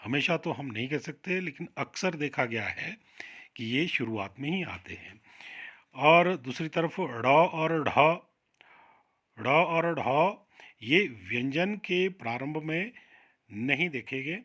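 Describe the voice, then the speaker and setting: A man teaching a Hindi grammar lesson to children, sounding out each example word slowly and with emphasis. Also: on the high side, lively intonation, a bit bright. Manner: slow, drawn-out, emphatic pronunciation of example words; addresses children directly.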